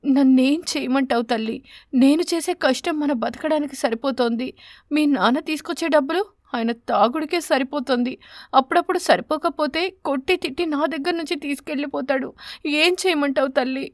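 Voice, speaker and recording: A woman voicing a weary, poor and gentle mother sparrow with a soft, tired voice. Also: high-pitched, normal speed, no echo, studio quality, natural voice.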